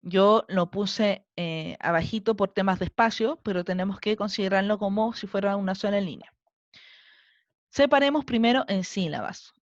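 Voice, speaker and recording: A woman teacher with a Chilean Spanish accent gives a recorded online class, patiently counting syllables aloud step by step. Her mid-range voice moves at a moderate pace, and the recording is muffled with no room sound.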